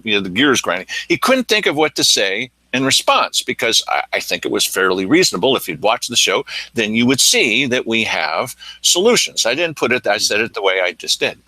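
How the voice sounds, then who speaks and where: Animated male host with bright voice. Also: mid-range voice, moderate pace, no room sound, rough recording. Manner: animated storytelling, acting out quotes. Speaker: news show host. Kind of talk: casual commentary chat.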